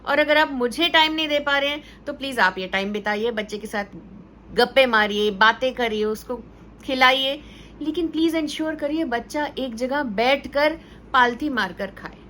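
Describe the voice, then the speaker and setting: A woman's voice: high-pitched, moderate pace, pushed and bright, slight background noise. A woman teacher giving conversational parenting advice, telling stories and mixing English words into her Hindi. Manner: storytelling with acted quotes.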